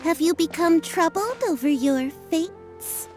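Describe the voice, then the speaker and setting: Slow, high-voiced mystic fortune teller. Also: female voice, music in the background. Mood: portentous, mystical. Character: theatrical mystic woman fortune teller, pompous, easily flustered. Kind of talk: scripted video game voice acting.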